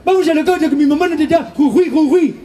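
A man voicing his naive, slow-witted older brother as a boy, with a dopey drawl. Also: very high-pitched, mellow, some chatter behind, slight background noise, voice pushed up. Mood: bossy.

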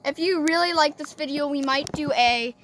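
A woman hosting a casual vlog, opening the video in a quick, upbeat way. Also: high-pitched, fairly bright tone. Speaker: channel host. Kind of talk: casual vlog intro and chat. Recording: noisy home recording.

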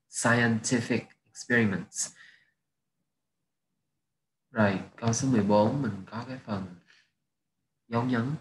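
Guy going over exam answers, lowish voice, roomy echo. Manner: explains each answer methodically, mixing in English phrases. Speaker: English teacher. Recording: echoey room with faint noise.

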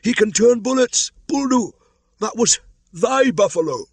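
An angry, frightened villager in a storybook. The voice leaps far up into shrill, loud shouting. Every phrase is hurled as an accusation. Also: male voice, expressive, a little slow, creaky, husky, no room sound, full character voice. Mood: angry panic.

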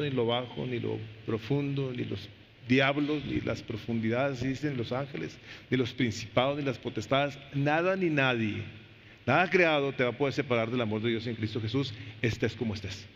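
A man preaching a sermon as pastor in a church. He questions the congregation directly and swings between soft low phrases and loud, high emphasis. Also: moderate pace, gravelly, a little hiss or hum. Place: church sanctuary. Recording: reverberant church hall, dull lo-fi sound.

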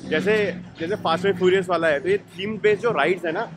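A man in his thirties from India, vlogging a theme park visit with excited, chatty talk, mixing English into Hindi, filmed on a handheld phone. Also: high voice, fairly quick, background noise. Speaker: travel vlogger. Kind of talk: casual travel vlog chat. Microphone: handheld phone camera at arm's length.

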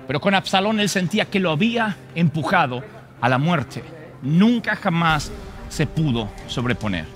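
A male preacher retelling a story in a sermon, dramatic and acting out the voices. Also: high-pitched. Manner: dramatic, acts out voices, shifts loud and soft.

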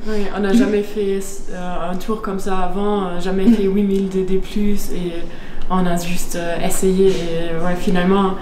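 A young woman chatting casually in an interview, with a hesitant, pausing delivery. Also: mid-range voice, level tone, mellow. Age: young adult. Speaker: amateur ultra-cyclist being interviewed. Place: indoor room in front of event backdrop. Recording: echoey room, clear background noise.

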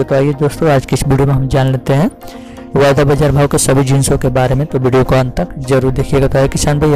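A man's voice: medium pitch, dark tone, poor audio. A man from India hosting a farm market report, rattling off commodity prices in a repetitive scripted way. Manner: rapid, repetitive listing of prices. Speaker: host reading market prices.

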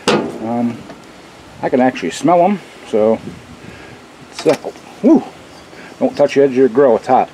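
His warm, mid-range voice has lively intonation but moves a little slowly with long pauses; the rough recording carries slight background noise. A folksy cooking channel host, he talks to "y'all" while prepping at home in the kitchen and grilling outside, captured on a handheld camera mic.

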